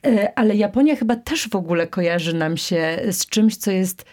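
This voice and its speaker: Thoughtful woman radio host, mellow voice. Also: mid-range voice, expressive, normal speed. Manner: thoughtful, searching for words. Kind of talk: cultural radio interview.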